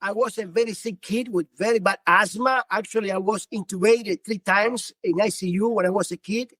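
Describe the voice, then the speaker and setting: In a podcast interview, a Cuban physician in his fifties, a native Spanish speaker with a Cuban Spanish accent, answers earnestly and restarts often. His voice sits high, moves fairly quickly and sounds a bit bright, with no room sound.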